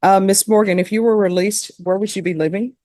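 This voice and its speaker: Measured woman judge, dry sound. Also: medium pitch, fairly even intonation, dark tone, dry recording. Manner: measured and procedural, with light fillers. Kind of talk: courtroom proceedings.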